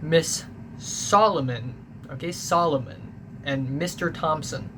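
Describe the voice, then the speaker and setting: With a slightly high voice at a slow pace, a young man from Hong Kong spins a casual, rambling story, swearing along the way and correcting himself again and again. The young adult vlogger is a native Cantonese speaker with a Hong Kong English accent, and noticeable background noise runs through the recording.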